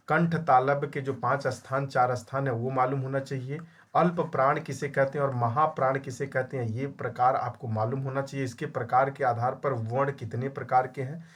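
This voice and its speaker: A young man teaching a Hindi grammar exam-prep class, scolding his students and drilling answers by repeating each question. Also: medium pitch. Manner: scolding, calls students "my child". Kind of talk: online class lecture.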